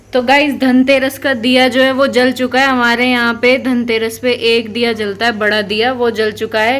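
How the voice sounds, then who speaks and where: A young woman chatting casually in a family vlog, teasing and laughing often as she films around her home. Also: fairly high pitch. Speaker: vlogger.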